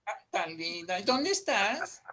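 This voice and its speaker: Speaking slowly in a sharp tone with big pitch swings, a woman teaches oral expression informally over video. She's warm and peppers her speech with diminutives, dropping low and rising high to show how tone works.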